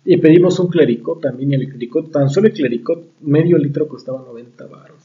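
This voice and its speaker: Young Mexican man, casual storyteller who swears a lot, warm higher voice, heard from far off. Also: fast talker, dull audio. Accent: Mexican Spanish. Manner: slangy, profane, animated storyteller.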